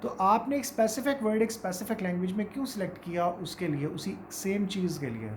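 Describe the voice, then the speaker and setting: A man's voice: high-pitched, expressive, brisk. Pakistani guy teaching english sounds, explains with lots of examples, bit of hiss behind. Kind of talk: informal spoken lesson.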